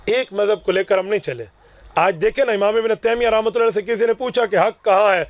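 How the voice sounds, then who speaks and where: A man preaching a fiery sermon to a gathering, declaiming forcefully and acting out both sides of his own stories. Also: high-pitched. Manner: forceful, declaiming, acts out dialogues. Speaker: Islamic preacher.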